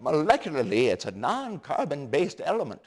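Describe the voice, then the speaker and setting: Mad-scientist type, extremely animated pitch, halting rambling lecture, game cutscene comedy. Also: male voice, a crowd in the background. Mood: manic lecturing. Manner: halting, wildly swooping technobabble. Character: eccentric rambling male scientist, excitable lunatic. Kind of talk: 1990s video game cutscene acting.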